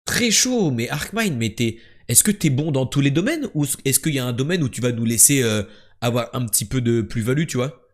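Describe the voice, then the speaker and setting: A young man streaming quiz games live, chatting casually and joking, jumping between loud bursts and low mumbles. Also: expressive, brisk.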